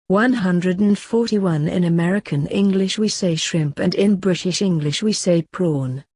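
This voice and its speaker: A man teaching English vocabulary, reading a numbered word list in a slow, even, repetitive way. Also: sits high, dry recording. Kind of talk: slow scripted vocabulary lesson.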